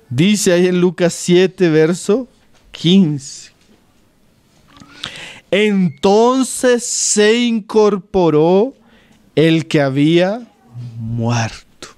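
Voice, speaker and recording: A Colombian man preaches an expository Bible sermon, repeatedly asking the congregation "¿sí?" and "¿no?" and calling them "hermano." He swings between loud quoting and low, trailing ends to his phrases.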